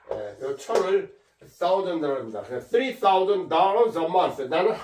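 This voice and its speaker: A middle-aged man teaches English in a slow, lively voice that rises and falls a lot. He repeats each word and draws his example sentences out patiently. The room rings, and he sits back from the mic. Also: high voice. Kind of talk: online English lesson. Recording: roomy echo, mic at a distance.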